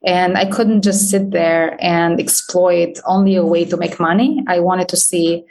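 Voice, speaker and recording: A woman in her thirties who was raised in Albania, a startup founder, speaks as a guest in a podcast interview conversation, warm and full of fillers, laughing lightly as she talks. Her voice is on the low side with a steady tone and measured pace, and the audio is poor.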